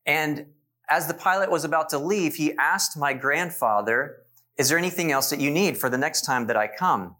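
A pastor in his forties delivers a sermon in church, his voice slightly high and at a normal speed. He tells stories warmly, turning aside now and then to speak to the congregation.

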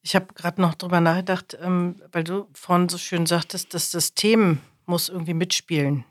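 A woman's voice: lowish voice, moderate pace. A woman co-hosting a podcast, talking casually and animatedly with many restarts. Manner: animated, lively restarts and stammers. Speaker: podcast co-host.

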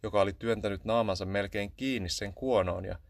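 A man narrating a children's Christmas story in a calm, even storytelling manner. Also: fairly low pitch, creaky, no echo.

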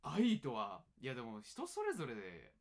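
A young man co-hosting a radio chat, easygoing and quick to laugh. His speech has a lively up-and-down pitch, and bits of Kansai phrasing creep in. His voice sits at a middle pitch. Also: crowd noise. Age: young adult. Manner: laid-back, laughs easily, drifts into Kansai phrasing. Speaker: radio show co-host. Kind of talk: casual chat.

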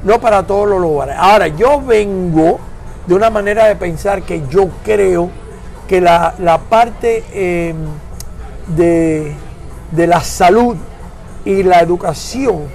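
Older man, high and gravelly, emphatic interviewee on an outdoor street with faint music behind. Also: takes it slowly, a little mellow. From Florida, United States. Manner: emphatic, searching for words, mixing in English. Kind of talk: conversational interview.

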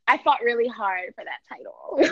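A woman's voice: wildly swooping pitch, a little slow, slightly rough, no room sound. A woman hosting a podcast in casual chat, laughing often, heard through a poor headphone mic recording. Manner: laughs often, playful and chatty. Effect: low-quality recording through a headphone mic. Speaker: podcast host. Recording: dull lo-fi dry sound.

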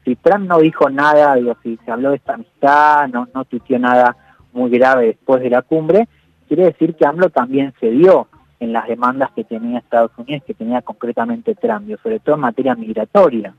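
A man breaks down politics for a radio interview in a measured, analytical way, often stopping to rephrase. His voice comes through a dull, lo-fi line with no room echo, and his pitch sits mid-range. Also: expressive, vocal fry. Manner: measured, analytical, peppers speech with "digo".

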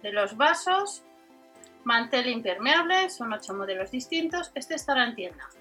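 A woman with an accent from Spain hosts an informal product rundown in a high, strikingly bright voice. She goes item by item through details and prices, with music behind her. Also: big pitch swings, normal speed. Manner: reads out specs and prices item by item. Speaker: host of a shopping video channel.

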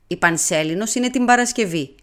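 A woman voicing a fastidious, vain Belgian male detective who slips French words into his talk in an audiobook. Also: mid-range voice, fairly bright tone, clean tone, natural voice. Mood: fussy. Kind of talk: audiobook character reading.

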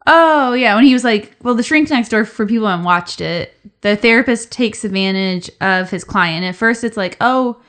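A woman's voice: a little high, normal speed, hardly any pauses, fairly bright tone. A woman co-hosting a podcast, thinking aloud in casual chat and filling her sentences with "like". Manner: thoughtful, hedging with "like". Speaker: podcast co-host.

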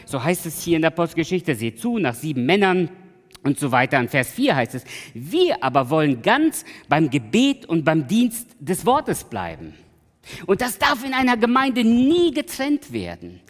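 A man preaching a sermon in a church, swinging from loud emphatic peaks to soft pleading and slowly repeating a refrain. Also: on the high side, huge pitch swings. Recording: long hall reverb.

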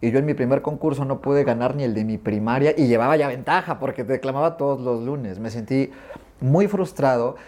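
A middle-aged man with a Mexican accent, speaking at medium pitch and a fairly quick pace, is a guest in an interview. He animatedly tells stories from his childhood, acting out the dialogue he remembers.

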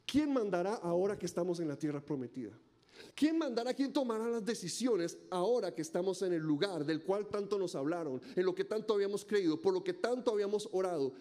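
A man's voice: high voice, animated, fairly quick, warm tone. A male pastor preaching a dramatic sermon, acting out voices and firing off rhetorical questions.

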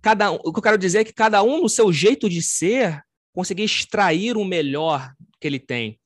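A man from Rio de Janeiro with a Carioca accent, hosting a podcast in an expansive, animated conversational manner. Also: high-pitched, normal speed, no room sound. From Rio de Janeiro, Brazil. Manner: expansive, talks with his hands. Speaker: podcast host.

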